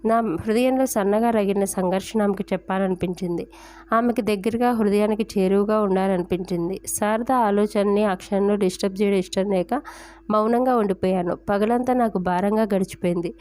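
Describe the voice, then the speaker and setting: A woman narrating an audio story in a measured, reflective first-person reading. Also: medium pitch, steady tone, darkish tone.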